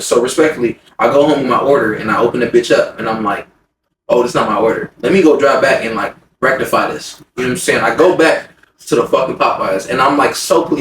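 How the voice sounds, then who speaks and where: A man telling a story in casual podcast chat, swearing freely, his voice jumping much higher when he acts out his anger. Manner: animated, swearing, voice jumps high when retelling anger. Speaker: podcast co-host. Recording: roomy sound, mic a bit far, faint noise.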